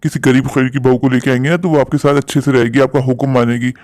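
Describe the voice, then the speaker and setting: A man's voice: mid-range voice, steady tone, quick pace, darkish tone, dry recording, natural voice. A man voicing an earnest, principled young son in a cartoon story, persuading his parents. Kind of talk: cartoon voice acting.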